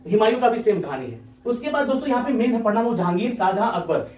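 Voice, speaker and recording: A male exam-prep teacher speaks at a rapid clip, repeating points and checking in with his listeners. His high voice swings widely in pitch and sounds a little mellow, seemingly a bit far from the mic in an echoey room.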